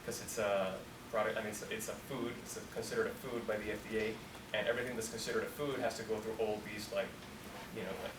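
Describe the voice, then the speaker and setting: A Colombian company founder in his twenties talks casually to students in a university room, relaxed and rambling, leaning heavily on "like." He has a fairly low voice and talks fast. The mic is distant, the room echoes, and the recording is noisy.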